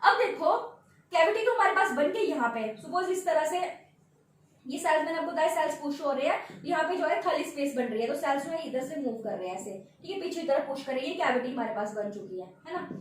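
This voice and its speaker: A woman biology teacher with a very high voice, lecturing and checking in with her students again and again. She is heard from a distance, in a strongly echoing room. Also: lively intonation, fairly quick, a little hiss or hum. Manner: repeats key terms as questions and answers them; checks in often with tag words. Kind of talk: classroom lecture at a board. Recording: very echoey room, voice off-mic.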